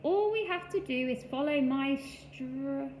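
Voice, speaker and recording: A man's voice: very high-pitched, lively intonation, unhurried, reverberant, a little hiss or hum, pitched above the performer's own voice, rough recording. Woman voices a kindly older male park gardener, playful, chuckling, for a storybook. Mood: cheerful.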